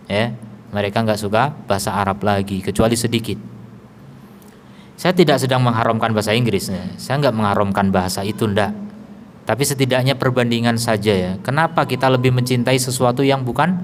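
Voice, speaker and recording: Man preaching in an echoing hall. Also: mid-range voice. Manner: conversational, teasing asides and rhetorical questions. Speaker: Islamic teacher. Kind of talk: religious study lecture. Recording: long echo in a hall, faint background hiss.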